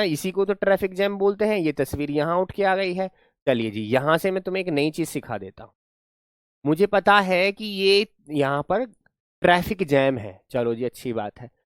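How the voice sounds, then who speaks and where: A man's voice: on the high side, no room sound, clean studio sound. A man teaching an online class, explaining words playfully, repeating his questions and praising his students.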